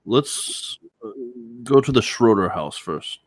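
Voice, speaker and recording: A man with a low voice plays his character in a tabletop game. He is playful and laughs often, and the sound is dry and close. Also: animated, slow, dry recording. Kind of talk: in-character role-play.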